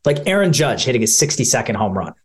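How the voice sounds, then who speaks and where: A man's voice: mid-range voice, big pitch swings, fast talker. A man in his forties from Ohio, a sportscaster telling stories in a casual interview, chatty with easy laughs. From Ohio, USA. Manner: chatty, warm storytelling with laughs. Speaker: sportscaster guest.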